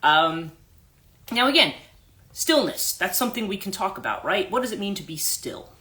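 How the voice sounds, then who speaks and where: A woman's voice: mid-range voice, very animated, normal speed, bright, forceful tone. A middle-aged woman life coach telling a personal story on a morning phone livestream, rambling with many fillers and restarts.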